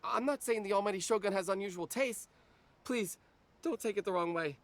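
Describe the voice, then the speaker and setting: An actor whose voice sits high speaks fairly quickly as a jittery young snack seller in a game cutscene, stammering and apologizing while describing what he sells. The speaker is male.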